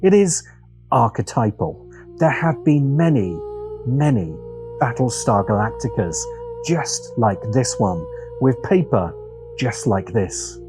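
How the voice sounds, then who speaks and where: A man reads scripted commentary like a video essay host, very animated, his pitch swinging widely as he separates phrases with deliberate, dramatic pauses. Music plays clearly in the background, and the recording is rough.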